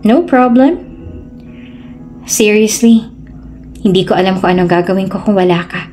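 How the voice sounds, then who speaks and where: Woman doing a gentle teasing young man. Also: mid-range voice, moderate pace, soft background music, close to an everyday voice. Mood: playful. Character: caring teasing young man, comforting friend.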